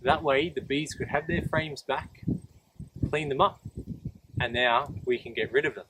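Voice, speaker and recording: Outdoors beside beehives, a beekeeping instructor explains a hands-on demonstration step by step in a practical, plain-spoken way. His voice is medium-pitched and a little slow, with noise in the background.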